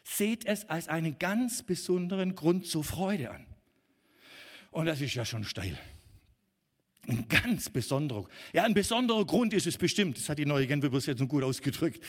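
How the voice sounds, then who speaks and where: Middle-aged pastor man preaching, husky voice, lively pitch, big echoey hall. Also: normal speed. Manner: animated, emphatic preaching with sudden loud outbursts. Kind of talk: sermon. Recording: long reverb of a church hall.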